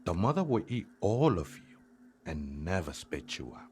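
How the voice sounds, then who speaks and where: A man's voice: low-pitched, very animated, moderate pace, a little mellow, faint music behind, pitched below the performer's own voice. A streamer voicing a spaced-out man who squats in a church and calls himself a seraph, drawling in slang. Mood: dreamy. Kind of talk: reading game dialogue aloud.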